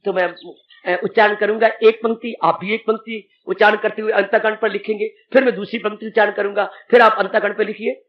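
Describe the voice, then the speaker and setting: A man giving an animated devotional sermon as a spiritual teacher, exclaiming and dramatizing as he speaks. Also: high voice, fairly quick, highs cut off. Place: satsang hall. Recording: echoey 1980s hall recording.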